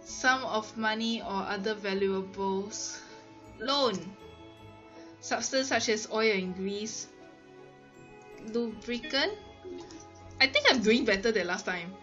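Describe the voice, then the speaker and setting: A woman's voice: mid-range voice, slow pace, long pauses, fairly bright tone. A woman with a Singaporean accent thinking aloud and exclaiming casually as she plays a word game. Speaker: gamer hosting a let's play. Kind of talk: casual chat and reading aloud while playing a word game. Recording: muffled lo-fi audio with music.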